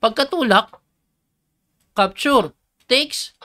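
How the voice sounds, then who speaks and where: A middle-aged man from the Philippines, a chess coach giving excitable live commentary on a game and reacting loudly to each move. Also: very high voice, extremely slow.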